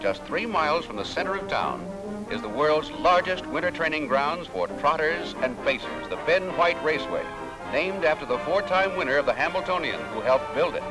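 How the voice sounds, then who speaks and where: Lively vintage newsreel narrator, man. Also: fairly high pitch, poor audio. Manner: upbeat promotional tone. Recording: narration over loud music.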